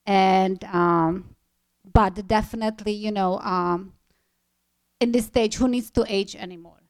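Czech-accented woman, 40s, nurse practitioner guest, mid pitch, dry close sound. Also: steady tone, a little slow, dry recording. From Czech Republic.

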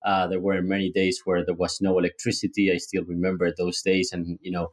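A man from Argentina, an entrepreneur guest, telling his life story in a relaxed way. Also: deep voice, brisk. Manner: relaxed, many fillers and restarts. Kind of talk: casual interview storytelling.

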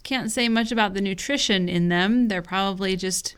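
A woman's voice: medium pitch, normal speed, smooth. A woman hosting a hiking podcast with a playful, teasing edge. She walks through her segments step by step in a chatty, conversational way. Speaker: podcast co-host. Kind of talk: casual chat and show segments.

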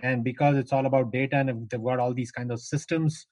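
Here the Indian founder of an insurance tech business, middle-aged and accented, narrates his long career story in a podcast interview, restarting often. His mid-range voice is fairly even and slightly dark, delivered a little quickly in a dry recording.

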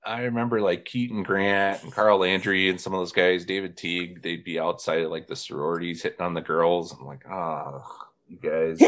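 A man's voice: low voice, little pitch movement, a little fast, hardly any pauses, a bit bright. A man from northern Indiana hosting a casual chat, telling funny stories and quoting people as he goes. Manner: storytelling, quoting others with laughs. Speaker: podcast host.

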